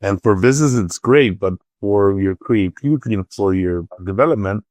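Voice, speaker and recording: Here a middle-aged interview guest, an artist and entrepreneur with a Salvadoran accent, chats through his answers, frequently repeating words as he looks for how to put things. His low, slightly mellow voice moves at a moderate pace. No room sound is audible.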